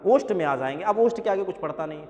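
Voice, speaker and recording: A man's voice: high voice, animated, fast talker, mellow, big-room sound. A man teaching an exam-prep grammar lesson, saying sounds aloud as examples and calling his viewers sir.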